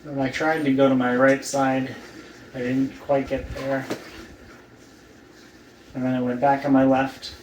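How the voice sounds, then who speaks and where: A man talking casually in a recovery vlog, weak and sore after surgery, halting and trailing off with long pauses. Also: mid-range voice, flat delivery. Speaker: vlogger documenting own surgery recovery. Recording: roomy, distant mic, faint background noise.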